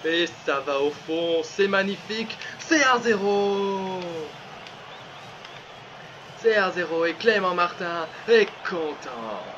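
With a high, animated voice that leaps up and down in pitch, a gaming channel host narrates his own football video game match, bursting into shouts and laughter and then coaxing himself back to focus. His delivery is unhurried yet has hardly any pauses, and a steady hiss runs under the muffled, lo-fi recording.

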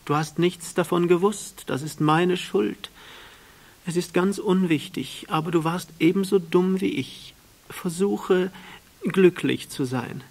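A man's voice: takes it slowly, darkish tone, exaggerated voice. A man voicing a proud, tender flower. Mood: tender pleading. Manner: pleading, high and emphatic. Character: proud delicate female flower, vain but tender. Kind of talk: audiobook reading.

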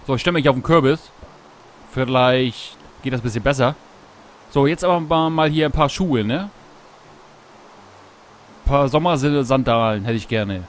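A man casually commenting on his gameplay while fishing, talking to himself, greeting animals in the game, and yelping excitedly at each catch. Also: medium pitch, moderate pace, pauses often, a little hiss or hum. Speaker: Let's Play host. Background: background game music.

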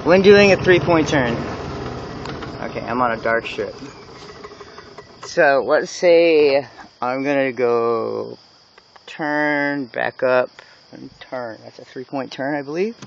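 A man vlogging playfully while driving a golf cart outdoors, goofy and excitable, with whoops and laughs. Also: mid-range voice, slow pace, creaky, long pauses. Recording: dull lo-fi sound with cart noise.

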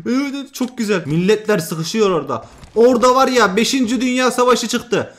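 Young male gaming host, very high voice, hyped trash-talk commentary over gameplay. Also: fairly quick. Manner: excitable, trash-talking, swings from loud to muttering.

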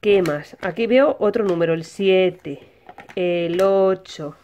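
A woman with a Spanish accent hosts a children's toy channel, giving a simple lesson as if to small children and answering her own questions. Her voice is on the low side, slow and mellow, with a little hiss or hum.

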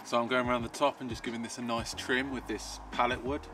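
A British man in his thirties narrates his own woodworking video on a paved garden patio beside a field, talking casually and poking fun at himself in DIY vlog style. His mid-range voice is flat and fast, with loud music playing behind it.

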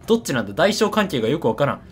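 A man's voice: a little high, big pitch swings, rapid-fire, a little hiss or hum. A man giving casual, chattery game commentary, repeating his words and poking fun at himself. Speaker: horror game streamer.

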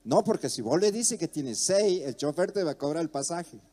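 High-voiced comedian telling a story. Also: male voice, expressive, moderate pace, dark tone. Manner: tells a joke as a story with acted dialogue. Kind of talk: live stand-up storytelling.

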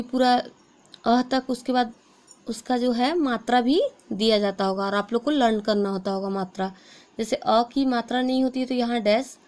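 A woman teacher with an Indian accent, giving a classroom lesson and pronouncing each letter with slow, drawn-out care. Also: a little high, low-quality recording.

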